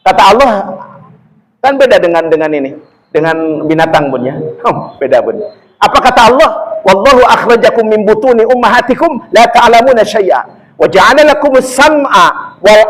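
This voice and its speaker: Preacher guy, high-ish voice, chatty sermon, keeps calling the ladies bun. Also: rough recording. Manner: chatty, addresses audience as "Bun", quotes Arabic verses. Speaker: Islamic preacher. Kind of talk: religious lecture to women.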